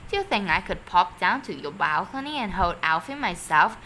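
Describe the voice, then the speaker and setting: A woman's voice: lowish voice, big pitch swings, moderate pace, pushed and bright, a little hiss or hum, rough recording. A woman playing a polite, eager storybook man who earnestly advises his neighbour. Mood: shyly brave.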